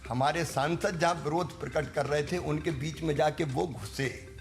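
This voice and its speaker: Male politician, firm, insistent, fairly high voice, clear music behind. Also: normal speed.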